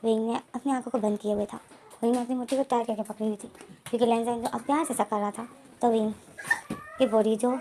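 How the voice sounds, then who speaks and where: A woman's voice: on the high side, gravelly, mellow, slight background noise. A woman retelling a fan story as a storyteller, in long repetitive run-on sentences.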